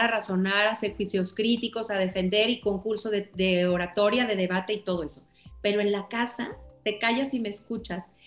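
Earnest woman giving parenting advice. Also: on the high side. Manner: earnest, advice-giving, acts out quoted dialogue. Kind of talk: casual podcast conversation. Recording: echoey room with faint music.

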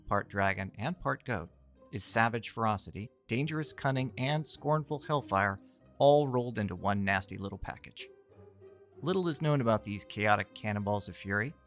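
A man's voice: on the low side, a bit bright. A man hosting and narrating an audio story collection in a theatrical storyteller manner. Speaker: host and narrator.

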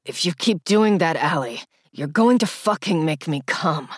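A woman voicing a cocky, dominant young man in an audiobook, speaking in a low murmur. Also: lively intonation, a little slow, slightly rough, no echo, studio quality, heavily acted. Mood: husky, commanding.

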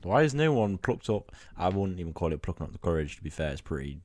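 Low-voiced young man chatting. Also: sing-song, quick pace, a little mellow, dry recording, studio quality. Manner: rambling, joking, tells stories. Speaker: podcast co-host. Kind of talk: casual chat. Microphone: handheld mic.

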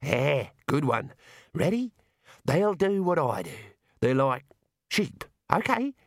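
A man's voice: big pitch swings, slow pace, no echo, clean studio sound, full character voice. A man doing a sly whispering ram. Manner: low confiding whisper, easygoing. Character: male ram, secretly clever, whispering laconic.

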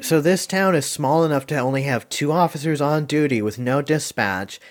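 At a normal speed, in a voice on the high side, a man hosts a laid-back movie review podcast. He rambles and stumbles with frequent ums and likes, chuckling from time to time.

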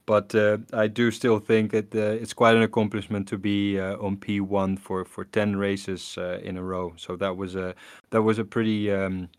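Soft-spoken man with a smooth, low voice. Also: level tone, moderate pace, dry recording, studio quality. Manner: hesitant, many fillers and restarts. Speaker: podcast host. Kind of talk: casual podcast chat.

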